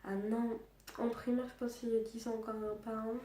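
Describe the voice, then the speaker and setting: Young woman, quiet hesitant vlog talk, subdued, flat pitch, distant from the mic in a roomy echo. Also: slight background noise. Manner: quiet, hesitant, halting speech. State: subdued and sad. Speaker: vlogger. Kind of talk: personal testimony vlog.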